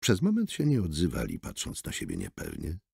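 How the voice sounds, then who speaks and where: Brief: male narrator, very deep, lively reading, dry close studio sound. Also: a little fast, gravelly, husky, no room sound. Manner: expressive, theatrical reading. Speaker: audiobook narrator. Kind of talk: scripted narration. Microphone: close studio mic.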